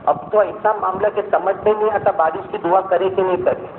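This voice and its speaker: A high-voiced man delivers an impassioned sermon and keeps urging the crowd to respond. His voice rings through a large hall with a long echo. The sound is thin and phone-like, with faint noise behind it. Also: fairly even intonation. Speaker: preacher. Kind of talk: sermon storytelling. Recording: echoey hall over a lo-fi phone-like line.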